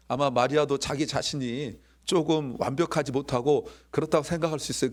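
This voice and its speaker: Male pastor, mid-pitched voice, animated sermon delivery, acts out dialogue himself. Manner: animated, acting out quoted dialogue.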